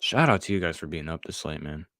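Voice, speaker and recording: A man's voice: rumbling low, animated, fast, sharp tone, dry recording, studio quality. A young man hosting a podcast, chatting casually with his live viewers and answering the chat. He drifts between questions and trails off into mumbled asides. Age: young adult. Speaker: podcast host.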